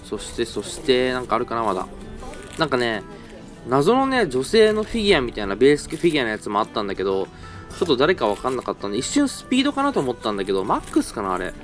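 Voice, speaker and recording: A young man talks quickly and rambles as he narrates his browsing through a flea market, correcting himself as he goes. His pitch jumps around in a lively way. Faint music plays behind him while he speaks into a handheld camera in a parking garage. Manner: chatty, rambling, self-correcting. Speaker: toy-hunting vlogger. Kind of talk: casual narrated vlog.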